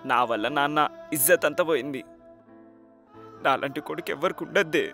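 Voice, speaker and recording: A guilt-ridden young son promises his mother he will make things right. His voice is bright and slightly raised, with a Telangana accent, over soft music. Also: a little high, brisk. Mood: remorseful. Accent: Telangana Telugu. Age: young adult. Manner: apologetic, emotional. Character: remorseful young man, injured son. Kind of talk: web series drama acting.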